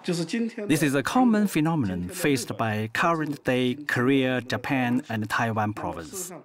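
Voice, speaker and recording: Slow-talking man over crowd noise. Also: mid-range voice, big pitch swings.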